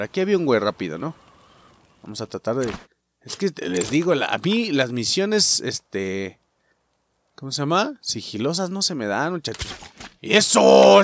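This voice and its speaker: A man with a Mexican accent commenting on a game he is playing, cursing constantly and shouting at enemies. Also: fairly high pitch, no room sound. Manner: profane, excitable, shouts at enemies. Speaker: gaming channel host. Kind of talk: let's play commentary.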